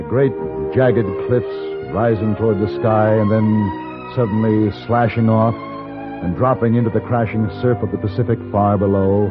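A man with an American accent playing a commanding, gentlemanly gunman who also narrates a radio western. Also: fairly low pitch, lightly acted. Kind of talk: old-time radio western acting and narration. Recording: tinny vintage radio recording with music.

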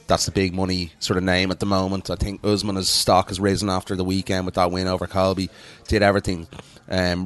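A man talking casually about sport as a podcast co-host and pundit. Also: sits low.

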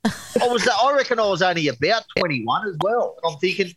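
A man on late-night radio tells joking stories at his own expense. His voice sits high and sounds husky. He talks with cheeky, easy humour. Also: animated, brisk, a bit bright, poor audio. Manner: joking storyteller, self-mocking.

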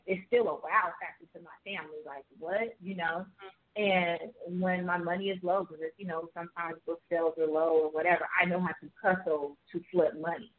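Woman from Jamaica, low voice, earnest casual storytelling, tinny phone-like sound. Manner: earnest, storytelling, fillers like "like" and "you know". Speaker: author and guest. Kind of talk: casual conversation.

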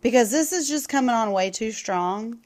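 A woman's voice: fairly high pitch, expressive, normal speed, darkish tone. A woman co-hosting a podcast, reacting in casual chat with blunt, disgusted remarks. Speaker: podcast co-host.

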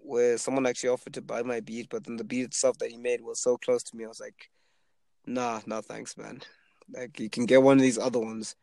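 Fairly quick and medium-pitched with a creaky edge, the twenty-year-old from Zimbabwe casually chats about being an aspiring rapper. He's relaxed and rambling, with lots of fillers, and the recording has no echo.

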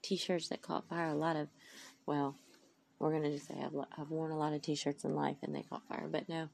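A tired, tearful woman speaks in a low, gravelly voice, rambling and emphatic as she encourages her listeners. Her tone stays flat and mellow, with faint noise underneath. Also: normal speed. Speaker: faith vlogger. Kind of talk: inspirational monologue.

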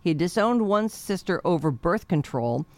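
A woman's voice: on the low side, expressive, moderate pace, a little mellow, no room sound. A woman reading a letter aloud in casual chat, adding sarcastic asides. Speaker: host reading a listener letter.

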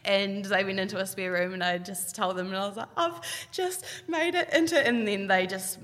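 A woman's voice: medium pitch, flat delivery, a little fast, a bit bright. A woman in her twenties with a New Zealand accent, a hockey player telling her story as a podcast guest in a chatty way, full of "like". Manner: chatty, full of "like" and reported speech. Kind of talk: casual storytelling. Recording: long reverb.

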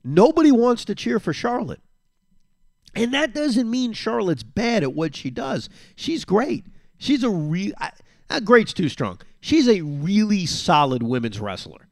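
A man's voice: high-pitched, big pitch swings, a little slow, a little mellow, no echo, clean studio sound. A man hosting a solo podcast, talking casually and sarcastically, repeating phrases for emphasis. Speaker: podcast host.

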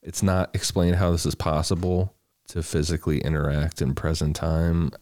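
Podcast co-host, very deep man, dry close mic, relaxed crude storytelling. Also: moderate pace, dry recording. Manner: laid-back, crude, recaps the story in plain narration. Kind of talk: casual storytelling chat.

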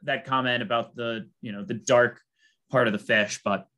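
A man talking casually as a co-host, with an average pitch. He rambles through his points with plenty of fillers and restarts, and livens up whenever he quotes someone. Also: moderate pace. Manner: rambling, filler-heavy, animated when quoting. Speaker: podcast co-host. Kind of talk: casual chat recapping a reality show.

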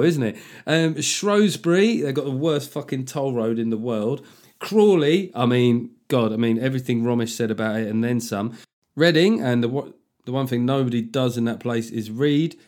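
Male comedian host, mid-pitched voice, casual and sardonic, swears freely. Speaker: podcast host and touring stand-up comedian. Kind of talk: casual chat.

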